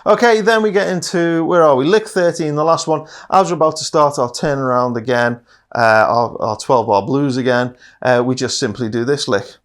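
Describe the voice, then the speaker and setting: A man's voice: mid-range voice, normal speed. A man giving a casual, step-by-step guitar lesson, explaining patiently and counting off each part with an easygoing "okay". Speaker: guitar teacher. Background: guitar playing.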